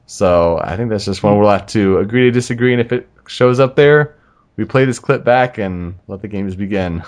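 A man co-hosting a casual sports talk show, making relaxed, talkative predictions about college football. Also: on the low side, moderate pace. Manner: relaxed, talkative, spells out names. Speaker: sports podcast co-host.

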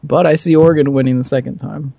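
A man's voice: medium pitch, fairly even intonation, quick pace, gravelly, dark tone, husky, no room sound. A man co-hosting a casual sports talk show, giving easygoing football picks with some hesitant fillers. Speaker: sports podcast co-host.

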